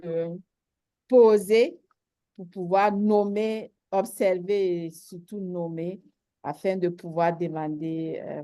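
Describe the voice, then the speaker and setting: A woman taking part in a group discussion, reflecting aloud and often pausing to find her words. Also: fairly low pitch, dark tone, dry recording, clean studio sound. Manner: hesitant, searching for words. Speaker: participant. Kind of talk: reflective sharing.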